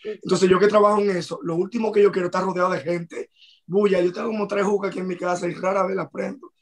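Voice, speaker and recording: Talking fast, this man is a regular panelist on a laid-back podcast chat. His voice is high, his accent Dominican Spanish, and his delivery relaxed and story-driven.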